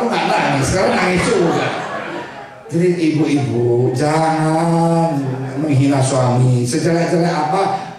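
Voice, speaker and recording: Older man, pastor, animated joking sermon, distant mic, booming hall echo, congregation audible. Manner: animated, joking, mixing in English and Chinese words. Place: church hall. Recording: echoey hall from far off with congregation. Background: congregation laughing.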